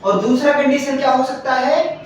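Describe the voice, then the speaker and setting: A man's voice: very high-pitched, level tone, moderate pace, a little hiss or hum. Male teacher, classroom lesson, spells words out, repeats points, far from the mic, echoey room. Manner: repeats points, checks understanding often, spells words out letter by letter. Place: classroom with students answering together.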